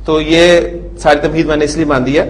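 A man giving a classroom Arabic grammar lecture. He drills word forms slowly, syllable by syllable, and keeps asking the class checking questions. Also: on the high side, flat delivery, low-quality recording.

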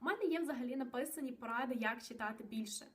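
A woman's voice: on the high side, quick pace, a bit bright. A woman vlogging a casual book review, chatty and rambling, with many fillers and self-corrections, a little nervous. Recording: voice a bit distant from the mic.

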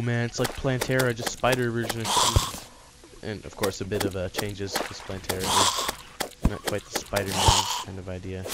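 A man's voice: fairly low pitch, heavy background noise. A man hosting a gaming channel, rambling through casual gameplay commentary and often correcting himself mid-sentence. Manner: rambling, chatty, self-correcting. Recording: loud background game music.

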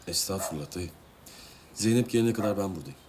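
A man's voice: sits low, animated, quick pace, noisy background. An actor playing a respectful young man who reassures an ailing older man. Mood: reassuring. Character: young man, devoted nephew figure, warm and respectful. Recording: TV drama with loud score underneath.

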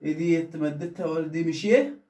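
A woman's voice: low-pitched, very fast, mellow, reverberant. A woman with an Egyptian Arabic accent teaching children to read, drawing out syllables and coaxing them with questions. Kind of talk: children's reading lesson.

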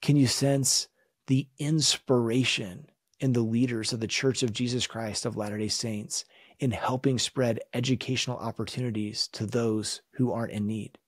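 A man teaching a scripture lesson in an earnest, measured, reflective way. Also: mid-range voice, fairly even intonation, breathy edge, no room sound, studio quality. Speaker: religion teacher.

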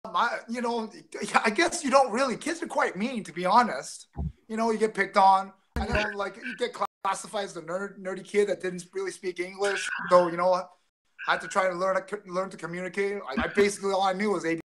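A man from Taiwan in his forties, formerly a fighter, appears as an interview guest on a video call and tells casual stories in a rambling way, with many restarts and fillers. His voice is high, fairly bright, and a little fast. He's recorded close up by a webcam in a home room with a framed jersey.

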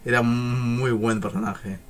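A man's voice: medium pitch, fairly even intonation, a little slow. A young man reacting to an anime episode, emotional and full of exclamations. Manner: emotional, exclamatory, swings from shouts to murmurs. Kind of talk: excited reaction commentary.

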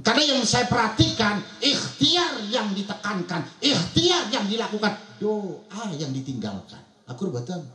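A man's voice: sits high, lively intonation, normal speed, few pauses, sharp tone. A man with a Serang Javanese accent giving a comic sermon at a wedding gathering, laughing often and acting out villagers. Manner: jokey, laughing, acts out villagers. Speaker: preacher. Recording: echoey event sound system.

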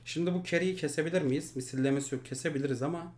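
Man streaming, yelling at teammates. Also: on the high side, racing. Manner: swings from muttering to furious shouting at teammates; swears and scolds teammates. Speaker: mobile game streamer. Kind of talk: live gameplay commentary.

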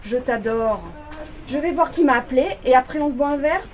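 A woman reading the part of a middle-aged police commissioner, brisk and exasperated, at a bookshop reading. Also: high voice, a little mellow, close to an everyday voice. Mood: affectionate. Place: bookshop reading before an audience.

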